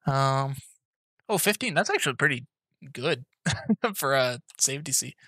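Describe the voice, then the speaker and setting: Woman GM, loose chatty narration, frequent laughs, bright tone. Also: a bass voice, lively intonation, measured pace, slightly rough, no echo, studio quality. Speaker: game master. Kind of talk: narrating a tabletop game.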